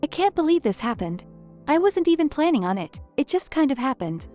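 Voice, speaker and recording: A woman's voice: high voice, very animated, fairly quick, a little mellow, faint music behind. A woman voicing a self-absorbed teenage daughter in a cartoon. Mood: overwhelmed.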